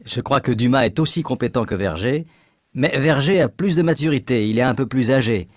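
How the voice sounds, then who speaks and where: Male, mid-range, plays a hiring manager in a scripted lesson dialogue; clear, measured delivery, dry booth. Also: medium pitch, expressive, dry recording.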